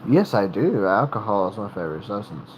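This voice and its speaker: On a rough recording with slight background noise, a man with a lowish, sing-song voice hosts a livestream. The North Carolinian talks casually in a Southern accent, rambling and halting and often starting sentences over.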